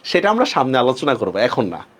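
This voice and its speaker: A man teaching a class, who slows down to stress each rule and keeps asking his students whether they follow. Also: medium pitch, huge pitch swings. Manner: asks students frequent check-questions; stretches words slowly when stressing rules. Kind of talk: online class lecture.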